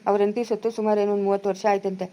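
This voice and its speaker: Lady doing a bossy village bro-in-law, fast talker, mellow highish voice, rural chikkaballapura kannada accent. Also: level tone, natural voice. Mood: persuading. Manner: scolding, commanding. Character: bossy village brother-in-law, middle-aged man. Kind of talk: amateur village family drama.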